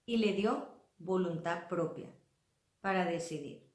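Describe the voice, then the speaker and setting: A woman's voice: lowish voice, slow, darkish tone, echoey room. A woman preaching a sermon in a church, earnest and pleading, acting out the voices she quotes. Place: church hall.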